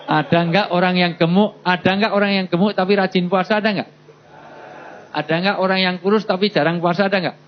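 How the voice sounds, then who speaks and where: A man giving a humorous sermon as a preacher, jokey and animated, slipping into other voices. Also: high-pitched, fast, some chatter behind. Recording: dull lo-fi recording with faint noise.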